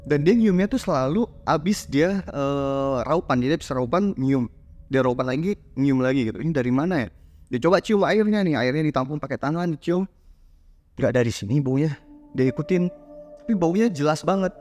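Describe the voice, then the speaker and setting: A man's voice: on the high side, lively intonation, a little fast, darkish tone, muffled recording, soft background music. A man hosting a horror story show, telling it in a casual, slangy way and acting out the characters' lines. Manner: slangy, chatty, acts out the characters' quoted lines.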